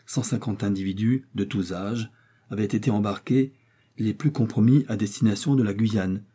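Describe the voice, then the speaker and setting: A man reading a literary story aloud as an audiobook, in measured, even narration. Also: lowish voice, breathy edge.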